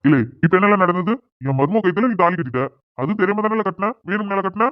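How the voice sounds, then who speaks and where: A man's voice: sits high, animated, fast, no echo. A man voicing a scolding village father. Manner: scolding, pressing questions. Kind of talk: cartoon voice acting. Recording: dry, phone-like narrow sound.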